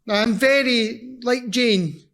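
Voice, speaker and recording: Scottish guy w a really broad accent doing a conference talk, pretty high voice, very slow and blunt. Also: gravelly, fairly bright tone. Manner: blunt, emphatic, repeats key points; slow, deliberate delivery for non-native listeners. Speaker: invited seminar speaker. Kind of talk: conference presentation.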